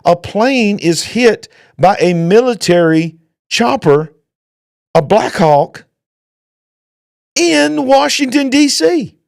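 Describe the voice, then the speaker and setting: A man's voice: high-pitched, expressive, slow, vocal fry, long pauses, no room sound, clean studio sound. A man, a pastor and show host giving emphatic, preacher-like commentary. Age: 50s. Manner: emphatic, preacher-like, rising to exclaim. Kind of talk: opinionated commentary.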